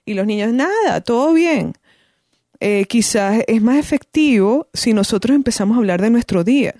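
A woman's voice: fairly high pitch, brisk, mellow, no echo, clean studio sound. A woman speaking as a guest on parenting, thoughtful and conversational, often restarting her phrases. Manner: thoughtful, many restarts and fillers. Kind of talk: conversational advice.

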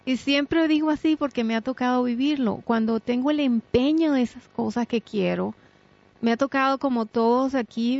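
A middle-aged woman chats on a radio show, earnest and emphatic, often breaking into a laugh. Her voice sits a little high. The sound is dull and lo-fi. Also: darkish tone. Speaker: radio co-host. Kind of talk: casual radio chat.

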